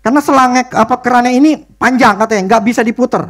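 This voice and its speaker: A male pastor, preaching a sermon and telling a personal story in animated, excited bursts. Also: very high voice, fast talker.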